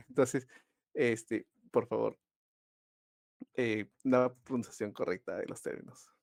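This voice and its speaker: A man's voice: medium pitch, gravelly, a little mellow, no echo, studio quality. Give me a man teaching a live online class, talking casually and checking in with his students. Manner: conversational, often pauses with fillers and checks in with students.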